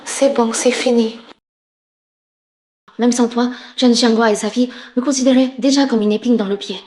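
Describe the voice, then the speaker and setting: Actress for young wife and daughter, soft, composed, higher even voice. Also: female voice, moderate pace, natural voice. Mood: reassuring. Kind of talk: dubbed drama acting.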